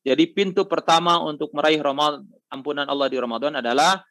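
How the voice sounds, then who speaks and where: A man's voice: a little high, a little fast, no echo. A middle-aged man giving an online sermon, telling anecdotes and acting out the voices of the people in them. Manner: acts out pilgrims' dialogue in lively voices, chuckling storyteller. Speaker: preacher.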